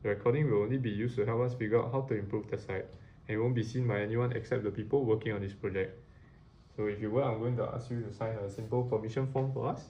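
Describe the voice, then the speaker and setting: A man's voice: lowish voice, fairly even intonation, fast, mellow, dull audio, slight background noise. A man moderating a usability test, reading out a briefing and task instructions.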